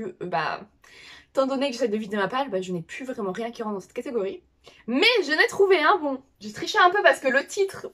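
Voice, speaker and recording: Booktube girl chatting to her viewers, lots of ums and restarts, kinda high voice. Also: fairly bright tone. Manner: hesitant, full of fillers and restarts. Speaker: book vlogger. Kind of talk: casual chat to viewers.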